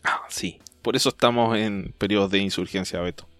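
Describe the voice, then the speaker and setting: A Chilean man hosting a podcast in casual chat, talking thoughtfully and often pausing to restart his sentences. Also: lowish voice, fairly even intonation, a bit bright, smooth, no echo, faint music behind. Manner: thoughtful, hesitant, trails off and restarts mid-thought. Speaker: podcast host.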